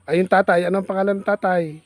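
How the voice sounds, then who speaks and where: A man's voice: high voice, steady tone, fast, dry recording. Playful man teasing a child outdoors. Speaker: vlogger. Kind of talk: casual teasing chat with a child. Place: outdoors in farm fields.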